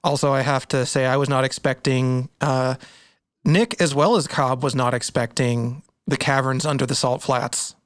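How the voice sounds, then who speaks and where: A player in casual chat, talking in a lively, chatty way. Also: medium pitch, moderate pace, no room sound, clean studio sound.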